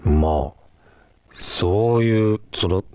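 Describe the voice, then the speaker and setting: A deep-voiced unseen companion creature, played by a man talks in short, evasive replies and turns touchy when pressed. The sound is dry and close. It belongs to a comedy sketch series. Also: extremely slow, a little mellow, clear, resonant tone, dry recording. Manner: low, terse, evasive replies.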